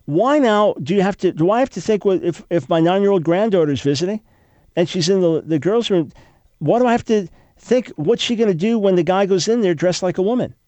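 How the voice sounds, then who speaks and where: An older man hosts call-in talk radio, sounding congested as he argues emphatically and frequently restarts his sentences. His voice sits high and is expressive, fairly quick, and mellow, with no echo.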